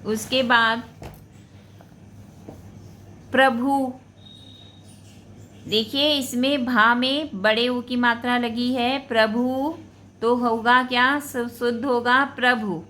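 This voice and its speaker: A woman teacher talks through spelling corrections at a very unhurried pace. Her voice sits a little high and sounds bright. She names each word and says it again slowly before explaining what is wrong with it. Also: fairly even intonation, a little hiss or hum. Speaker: Hindi teacher. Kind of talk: spelling lesson for school students.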